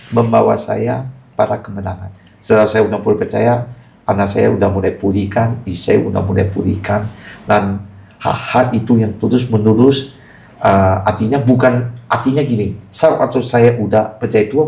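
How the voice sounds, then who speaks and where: Gravelly middle-aged man giving testimony. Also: on the low side, normal speed, a little mellow. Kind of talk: casual testimony in podcast. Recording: echoey room.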